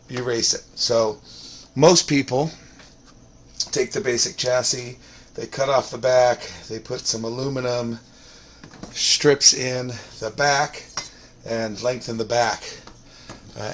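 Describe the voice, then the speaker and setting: A man hosting a hobby channel, talking casually in a scratchy voice that is still recovering, rambling and halting with many fillers at his workbench. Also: medium pitch, a bit bright. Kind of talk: casual vlog talk. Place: workshop at a workbench.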